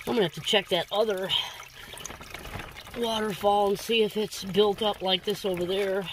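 A woman filming a casual vlog outdoors at her backyard pond. She gushes over her koi and coos at them. Her voice sits at an ordinary middle pitch. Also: fairly even intonation, normal speed, a little hiss or hum. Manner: gushing, coos to her fish. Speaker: koi farm owner.

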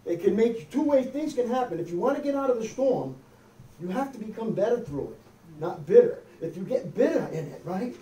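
His voice is high-pitched, mellow and sing-song, moving fairly quickly as the middle-aged American pastor preaches in a chatty way, checking in with "okay?" and "amen?". A distant camera without a visible microphone records him in a small, wood-paneled church hall, giving an echoey, remote sound.

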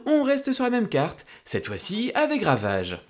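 A man doing playful, presenterly scripted narration as host of a gaming highlights show. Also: huge pitch swings, a little slow.

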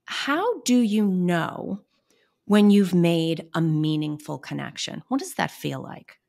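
A woman with a Boston accent hosting a podcast, chatting in quick, lively bursts with her guests. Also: on the low side, vocal fry. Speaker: podcast host. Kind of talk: casual interview chat.

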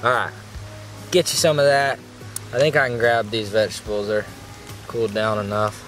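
On a gravel riverbank outdoors, a male host cooks for the camera in a relaxed, folksy demo, his low voice showing little pitch movement at normal speed with a fairly bright tone. The recording is rough, with music playing underneath.

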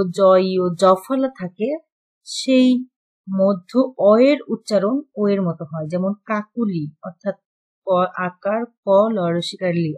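A woman's voice: medium pitch, mellow. A woman teacher giving an online lesson, explaining rules step by step and reading out lists of examples. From Bangladesh.

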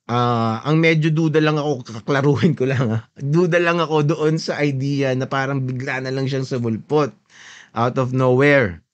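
A man's voice: medium pitch, steady tone, normal speed, dull audio. A man hosting a podcast, casually commenting on a video as he plays it, mixing Tagalog with English and often checking that his listeners agree. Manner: mixes Tagalog and English, often seeks agreement with a questioning tag. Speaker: podcast host.

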